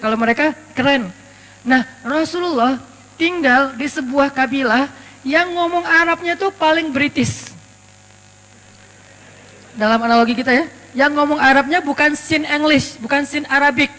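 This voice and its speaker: Chatty preacher guy from aceh, really high voice, echoey hall, some hum. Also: a bit bright. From Aceh, Indonesia. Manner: chatty, storytelling, joking asides. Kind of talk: casual sermon. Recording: reverberant hall with mains hum.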